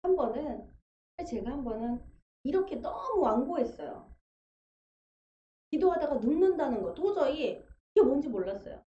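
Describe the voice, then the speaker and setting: High-voiced woman preaching in an echoey church. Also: very animated, moderate pace, pauses often, slight background noise. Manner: vivid storytelling, acting out quoted voices. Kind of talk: testimony sermon. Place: church sanctuary. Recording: echoey church livestream, dull sound.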